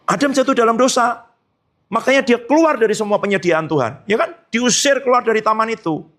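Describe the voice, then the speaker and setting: A male pastor preaching a sermon at a church service, lively and colloquial, often jumping high in pitch and acting out quotes. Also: a little fast. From Indonesia. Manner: colloquial, frequent tag phrases.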